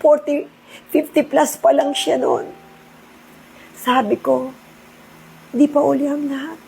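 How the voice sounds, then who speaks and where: A woman's voice: high voice, fairly even intonation, takes it slowly, gravelly, warm tone, a little hiss or hum. Earnest woman giving testimony. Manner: earnest, preachy, emotional storytelling. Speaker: insurance agent sharing testimony. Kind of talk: personal testimony.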